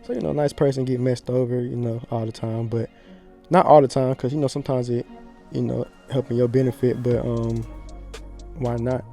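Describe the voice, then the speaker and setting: A man's voice: mid-range voice, fairly even intonation, a little fast, creaky, mellow, soft background music. A man from Florida, a podcast guest telling stories in a laid-back, slangy, rambling way. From Pensacola, Florida. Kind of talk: casual podcast chat.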